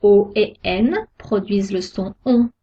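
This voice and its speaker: Woman, teacher, careful deliberate articulation, unhurried, dull muffled sound. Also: medium pitch, fairly even intonation, dark tone, breathy edge. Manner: slow, careful, deliberate articulation of example words. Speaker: French pronunciation teacher. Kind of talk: slow scripted lesson narration. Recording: dull lo-fi recording.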